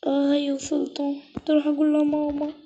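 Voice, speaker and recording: A woman tells a first-person story, playing its frightened heroine. Her voice is high and mellow, and her delivery is frantic and panicky. The recording is slightly dull, with a faint hiss. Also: monotone, fast talker.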